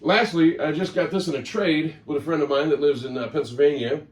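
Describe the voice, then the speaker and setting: A man's voice: fairly high pitch, steady tone, a little fast. A man vlogging casually about his record collection, chatty and rambling, often correcting himself. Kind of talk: casual talk to camera. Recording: roomy sound, mic at a distance.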